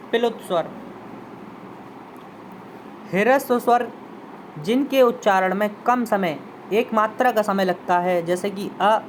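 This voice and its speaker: A man with a high-pitched voice gives a classroom Hindi grammar lesson, repeating terms and sounding out example vowels while inviting students to try them. The recording is rough, with slight background noise.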